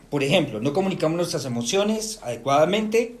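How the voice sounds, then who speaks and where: A middle-aged man with a Colombian accent giving a lively talk to an audience, often checking in with rhetorical questions. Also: fairly high pitch, moderate pace, very noisy. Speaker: lecturer.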